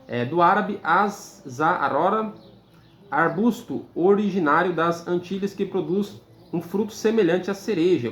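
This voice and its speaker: A Brazilian man, a teacher, reading dictionary definitions aloud in a measured, list-like way with hesitant "é" fillers. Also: sits high. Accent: Brazilian Portuguese. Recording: echoey room, faint background noise.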